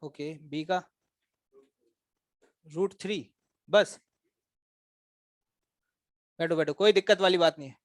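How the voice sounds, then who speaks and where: A man's voice: a little high, slow pace, pauses often, no room sound. A male physics teacher giving a classroom lecture, quizzing and teasing his students and calling them brothers.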